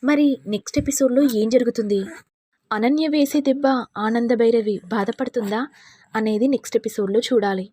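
A woman's voice: fairly high pitch, fairly even intonation, brisk, dark tone, slightly rough, no echo. A woman narrating a serial episode recap in a plain retelling style. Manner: plain retelling, calls to like and subscribe. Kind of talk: storytelling narration.

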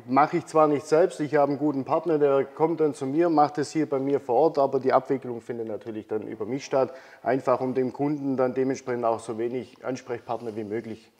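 A middle-aged man who owns a camper workshop, answering interview questions calmly and earnestly in a large workshop hall. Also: mid-range voice, brisk, few pauses. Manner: calm, earnest, brief affirmations. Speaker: workshop owner, guest. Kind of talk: casual interview.

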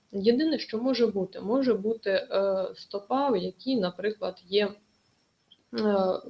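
A woman teacher giving an online exam-prep lesson. Her voice has a gravelly edge at a middle pitch. She explains carefully and stops often with filler sounds. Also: a little mellow, rough recording. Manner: careful explaining with frequent hesitations.

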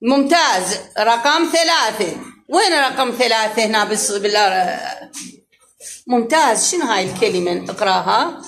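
A woman's voice: on the high side, expressive, normal speed, a bit bright. A woman with an Iraqi Arabic accent teaching young children a lesson, coaxing and affectionate. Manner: coaxing, affectionate, calls pupils dear. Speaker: primary school teacher. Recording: echoey room with background noise.

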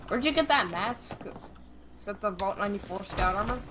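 A woman's voice: medium pitch, expressive, moderate pace, background noise. A woman in game voice chat, sarcastic toward rivals and easygoing with her teammate. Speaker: game player.

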